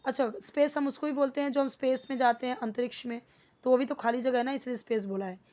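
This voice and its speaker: A woman teaching English to beginners, patiently repeating each word slowly and breaking it into parts. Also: high-pitched, fairly even intonation, dark tone. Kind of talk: spoken English lesson for beginners.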